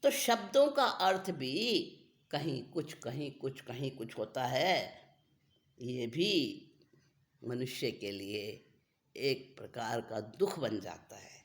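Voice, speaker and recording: A spiritual teacher giving a scriptural discourse, deliberate and repeating key phrases for emphasis. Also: medium pitch, big pitch swings.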